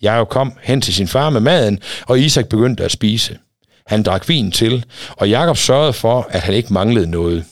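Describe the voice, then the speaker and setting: A man's voice: fairly low pitch, dry recording, studio quality. A man hosting a live event, reading a Bible story aloud expressively with small slips. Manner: expressive, occasional slips and fillers. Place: church centre, live event.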